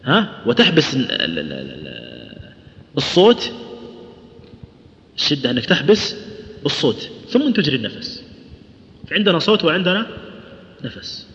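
A man's voice: fairly high pitch, wildly swooping pitch, normal speed, creaky, pauses often, fairly bright tone. Man teaching Quran recitation in an echoey hall. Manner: explains patiently, models recitation, asks students questions. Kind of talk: tajweed lesson to students. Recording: roomy lo-fi hall recording.

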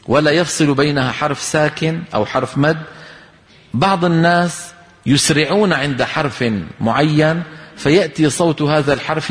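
A man teaches Quran recitation, explaining rules and quizzing his listeners. He breaks into short chanted examples now and then. His voice carries a long reverb, as if in a big hall. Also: a little high. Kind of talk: tajweed lesson with recited examples.

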